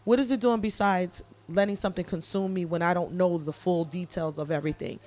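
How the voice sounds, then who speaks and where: A woman in her late thirties co-hosting a podcast, talking in a casual, animated, jokey and heartfelt way. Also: fairly low pitch, fairly quick. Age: 30s. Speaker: podcast co-host. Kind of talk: casual chat.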